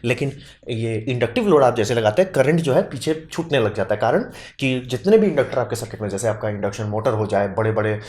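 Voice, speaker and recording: A man's voice: medium pitch, lively intonation, fairly quick, darkish tone. A man giving a casual, chatty science lesson, playful and full of homely comparisons. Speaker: science educator.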